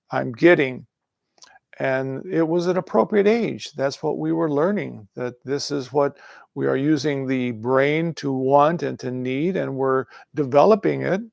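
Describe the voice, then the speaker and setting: A man giving a calm livestream meditation talk as a spiritual teacher, repeating affirming phrases. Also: mid-range voice, gravelly, no echo, clean studio sound.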